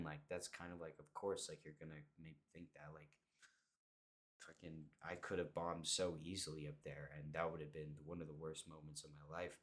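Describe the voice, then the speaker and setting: A man's voice: low voice, a bit bright. A young man hosting his own podcast, telling a story in a rambling, casual way with plenty of fillers and swearing. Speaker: podcast host and comedian.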